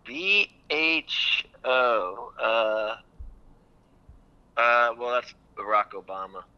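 A man's voice: medium pitch, animated, very slow, sharp tone, smooth. A man calling in on a buzzy, glitchy phone line, guessing hesitantly through a quiz and swearing mildly. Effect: buzzy, glitchy phone call audio. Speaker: caller playing a phone quiz. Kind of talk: casual on-air phone chat.

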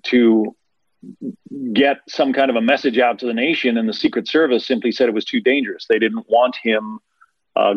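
A husky man explaining events in a measured interview. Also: medium pitch, dry recording, highs cut off. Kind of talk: interview commentary.

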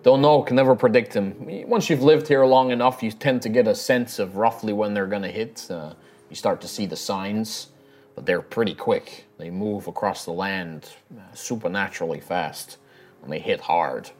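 Man playing a low-voiced, folksy rustic elf local. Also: moderate pace, a little mellow, natural voice. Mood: plain, warning. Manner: plain-spoken folksy rustic talk, ain't and afeared. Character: gruff, weathered elf man, a wary storm-land local. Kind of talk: in-character tabletop role-play.

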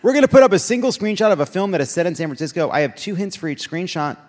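A man's voice: sits high, big pitch swings, very fast, a little mellow. A man hosting a live comedy podcast on a theater stage, running a quiz game with a wry, teasing manner. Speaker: host. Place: large theater stage before an audience. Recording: live theater with long reverb.

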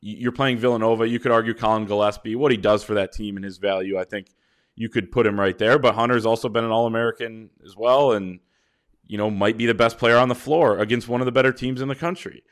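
Low-voiced man breaking down college hoops. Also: fairly even intonation. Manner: measured, builds long points with fillers. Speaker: sports podcast host. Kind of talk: casual sports analysis chat.

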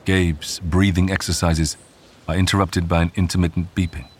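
A man giving measured, scripted narration of a true survival story. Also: low-pitched, slight background noise. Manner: measured, even storytelling delivery. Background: faint music.

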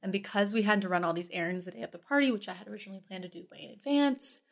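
A woman's voice: mid-range voice, animated, rapid-fire. A Southern woman co-hosting a casual chat, rambling and laughing often as she talks. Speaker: podcast co-host.

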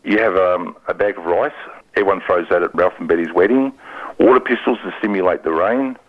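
A man's voice: low voice, a little fast, narrow, tinny audio. A man casually sharing film trivia as a radio review presenter.

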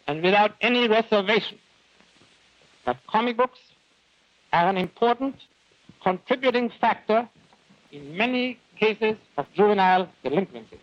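A man's fairly high voice comes through an old archival recording, dull and lo-fi. He makes a formal statement in slow, deliberate phrases. The sound itself is dry, with little room. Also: dry recording.

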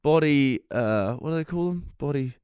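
A man's voice: a little high, lively intonation, normal speed, darkish tone, clean tone, dry recording, studio quality. Wry New Zealand man hosting a podcast. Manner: joking, wry banter. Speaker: podcast host. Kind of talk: casual chat.

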